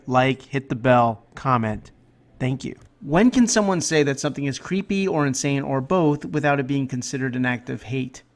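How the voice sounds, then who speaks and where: A man hosting a political commentary show, delivering mocking jokes in a sarcastic, deadpan way. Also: mid-range voice.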